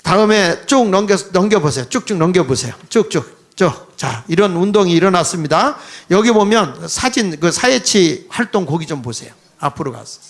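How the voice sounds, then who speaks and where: A man in his sixties giving a history lecture to an audience, animated and mocking, with quips and laughing asides. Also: sits high, normal speed, few pauses.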